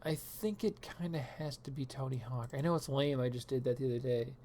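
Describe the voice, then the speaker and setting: A woman's voice: rumbling low, brisk, warm tone, slight background noise. Rambling, laughing woman streamer. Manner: rambling and self-deprecating, laughs often. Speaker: live streamer. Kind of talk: casual chat while gaming.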